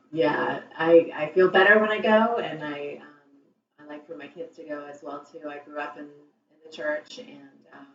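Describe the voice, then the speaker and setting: A low-pitched woman answers candidly, reflecting as she goes. Her voice has been re-recorded off a television speaker, so it sounds faraway and echoey. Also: a little hiss or hum. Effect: re-recorded through a TV speaker. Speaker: interviewee. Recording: echoey, dull, distant TV re-recording.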